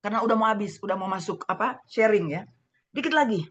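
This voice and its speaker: A middle-aged woman pastor from Manado with a Manado Indonesian accent, preaching a sermon over a video call, fervent and swinging between loud exclaiming and hushed asides. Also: mid-range voice, expressive, fast talker, highs cut off. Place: home room, husband preaching next door.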